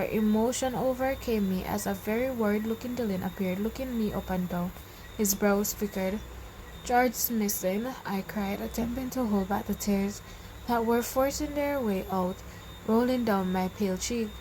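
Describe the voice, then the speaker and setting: Woman reading a werewolf novel, mid pitch, self-corrections, faint noise behind. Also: moderate pace, warm tone, rough recording. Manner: reads with slips and self-corrections. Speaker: channel host reading a novel aloud. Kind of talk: storybook reading.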